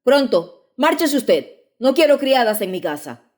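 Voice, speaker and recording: A woman's voice: on the high side, sing-song, measured pace, pitched above the performer's own voice. A woman voicing a furious brutish husband. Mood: furious, commanding. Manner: shouting threats and orders. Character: brutish young peasant husband, furious and domineering.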